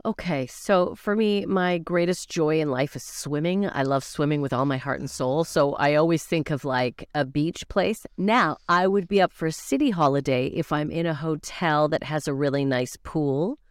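A woman's voice: low-pitched, normal speed, hardly any pauses, smooth, dry recording, studio quality. A woman with a Canadian accent co-hosting a casual chat in an effusive, enthusiastic manner. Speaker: co-host.

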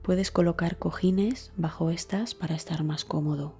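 Faint music sits behind a woman leading a scripted guided meditation. Her lowish voice is soft and breathy, her delivery calm and deliberate, and her words tend to trail away.

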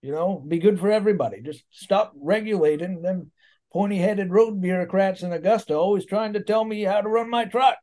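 Man doing a rambling folksy mud-truck boss, middle-aged, a bit high-voiced. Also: brisk, dark tone, natural voice. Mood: boastful. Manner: folksy, rambling, cheerfully crude.

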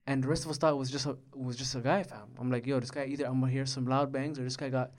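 Young adult male, Toronto urban slang accent, medium pitch, speedy slangy podcast banter. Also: steady tone, rapid-fire. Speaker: podcast panelist. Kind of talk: casual chat.

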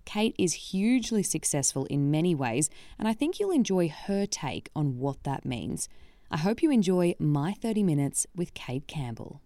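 A woman's voice: low-pitched, very animated, moderate pace, warm tone, reverberant. A woman hosting an interview show, friendly and teasing in a casual way. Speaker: podcast host.

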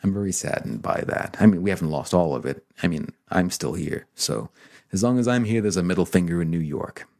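A man's voice: low-pitched, animated, a little fast, vocal fry, darkish tone, no room sound, clean studio sound. A man in his forties hosting a live stream, rambling and sarcastic, with many restarts.

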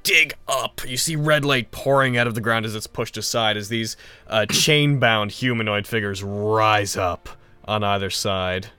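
Crisp, bright-voiced male game master. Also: fairly low pitch, unhurried, no room sound. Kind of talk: improvised narration of a tabletop game.

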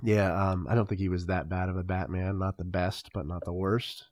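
A man's voice: low-pitched, level tone, moderate pace, a little mellow, no echo, studio quality. A laid-back man chatting about movies as a podcast co-host, agreeable and often hesitating with fillers. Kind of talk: casual chat about movies.

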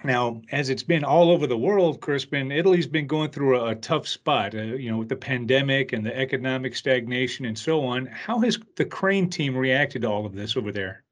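A podcast host with a mid-range voice reads an intro and asks interview questions in a polished, upbeat manner. He talks at normal speed with hardly any pauses.

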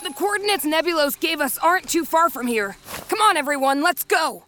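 A woman's voice: high-pitched, lively intonation, brisk. A woman voicing an earnest, determined young cartoon team leader, rallying and decisive, with music behind. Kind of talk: animated cartoon character acting.

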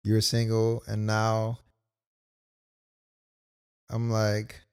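A man's voice: on the low side, completely flat delivery, extremely slow, clean tone. A young man casually telling a personal story as a podcast co-host, loose and full of quoted asides. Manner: laid-back, storytelling with many "like"s and quoted asides.

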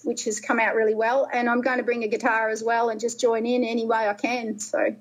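A woman's voice: on the high side, flat delivery, fairly quick, rough recording. A middle-aged woman guest chatting casually on a podcast, rambling with many fillers and restarts. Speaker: guest musician.

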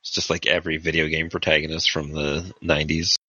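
A man with a very low voice and a strikingly bright, sharp edge plays a tabletop game. He trades puns and jokes with the table. The recording is dull and lo-fi. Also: level tone, brisk, a little hiss or hum. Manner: joking, punning.

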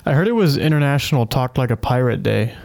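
A man's voice: mid-range voice, lively intonation, quick pace, vocal fry, darkish tone. A man co-hosting a podcast, joking and swearing in crude banter. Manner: joking, profane.

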